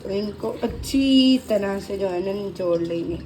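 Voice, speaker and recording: A woman with a hoarse throat hosting a home cooking video, chatting casually as her mother cooks, often repeating the same filler phrase. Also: medium pitch, a little slow, mellow, slight background noise, poor audio. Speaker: cooking channel host. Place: home kitchen. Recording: kitchen clatter of dishes and cutlery.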